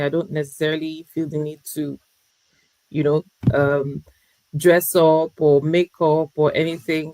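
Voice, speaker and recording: Measured woman guest, dry sound. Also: deep voice, darkish tone, dry recording, low-quality recording. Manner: reflective, measured, with frequent pauses. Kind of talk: interview conversation.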